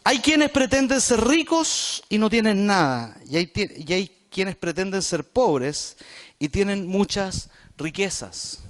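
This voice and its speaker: A man with a Chilean Spanish accent preaching a sermon in a church, talking directly to the congregation in a conversational way. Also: high-pitched. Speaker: pastor.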